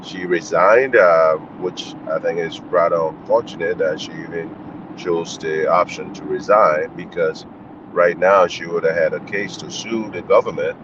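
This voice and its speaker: A man's voice: low-pitched, fairly even intonation, unhurried. A man calling in on a car speakerphone while driving, giving blunt, candid commentary in a casual call-in style. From Liberia. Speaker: caller commenting on the news. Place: inside a moving car. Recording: muffled lo-fi phone line with faint road noise.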